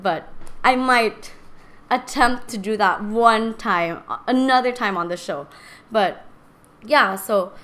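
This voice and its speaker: A podcast host in her twenties chats casually and candidly with her live stream viewers about personal things, rambling in a chatty way. Her mid-range, fairly bright voice is raspy and a little shaky, strained from too much singing and talking.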